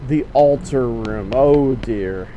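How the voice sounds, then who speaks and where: A man's voice: medium pitch, slow pace, mellow, highs cut off, a little hiss or hum. A man giving let's play commentary, reading game text aloud and commenting as he plays. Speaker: gamer playing and narrating a video game. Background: game music with guitar.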